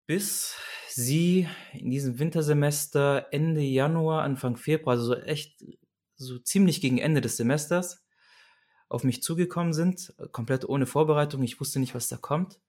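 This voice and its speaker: A man's voice: a little high, moderate pace, a little mellow. A young man telling a personal story as a guest in a conversation, earnest and searching, often restarting and repeating himself as he goes.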